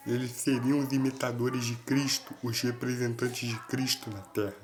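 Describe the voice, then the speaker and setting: A man delivers an earnest sermon, calling his listeners brothers again and again. His pitch stays level and even throughout. Steady background noise sits under the recording. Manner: repeats "my brothers" constantly, earnest exhorting. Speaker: preacher. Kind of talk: sermon to video viewers.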